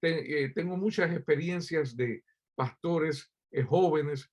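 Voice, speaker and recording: A Cuban pastor preaches a sermon in a somewhat high, slightly mellow voice, taking it slowly. He speaks directly to listeners, asking rhetorical questions and hesitating with frequent fillers.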